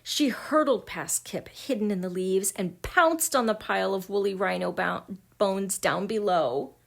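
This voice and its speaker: A woman reading a children's picture book aloud, gentle and expressive, sometimes dropping to a hush. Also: medium pitch, unhurried, gravelly. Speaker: storybook reader.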